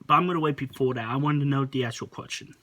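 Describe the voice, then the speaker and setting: This is a man hosting a casual reaction video. His voice is bright and forward. He rambles a little and sometimes stops mid-thought to find the right words. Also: mid-range voice, fast, faint music behind. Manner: rambling, chatty, searches for words.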